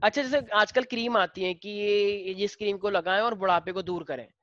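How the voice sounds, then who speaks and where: A male teacher with an Indian accent explaining biology to a class, switching between Hindi and slowly dictated English lines. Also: high-pitched, fairly even intonation, a bit bright, no room sound, dull audio.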